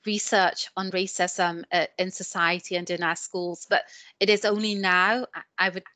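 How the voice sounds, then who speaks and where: A woman panelist speaks earnestly and steadily on a video call, often repeating a word as she starts. Her voice is bright and forceful. The sound is dry, with no room echo. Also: lowish voice, steady tone, moderate pace. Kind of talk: webinar panel discussion.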